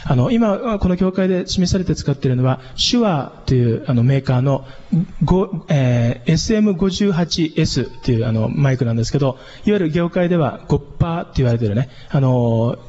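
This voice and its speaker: A man, a church pastor, giving a casual spoken lesson on singing and microphones, chatty with many fillers and lively leaps in pitch. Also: brisk. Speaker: church pastor teaching singers. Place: church hall. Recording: dull lo-fi sound with long reverb.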